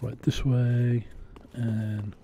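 A man's voice: medium pitch, little pitch movement, drawn-out words, dark tone, lo-fi sound, a little hiss or hum. A young man chatting casually while playing a game on a live stream, muttering to himself as he goes.

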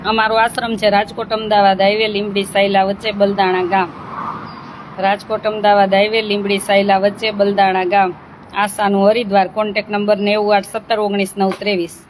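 A woman's voice: medium pitch, level tone, brisk. A woman, chatting in a motherly, teasing way as an ashram caretaker. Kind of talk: casual chat with girls and viewers. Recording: noisy outdoor recording with traffic.

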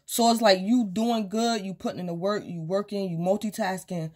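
At home in a small room with cards and crystals spread on the table, a tired woman reads tarot in a dark, mid-range voice. Her intonation stays fairly even and her pace moderate, while her fading voice rambles with fillers and repeats.

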